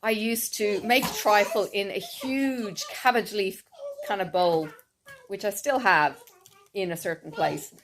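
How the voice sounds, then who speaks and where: A woman's voice: medium pitch, slight background noise. A woman chatting in a casual, rambling way and laughing often as she talks. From Ireland. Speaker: cross-stitch vlogger. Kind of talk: casual chat.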